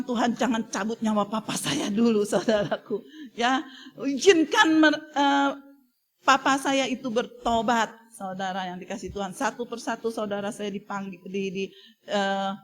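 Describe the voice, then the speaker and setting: A middle-aged woman preaching a sermon in an animated way, often turning to the congregation and rising to emotional peaks. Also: mid-range voice. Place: church service streamed online.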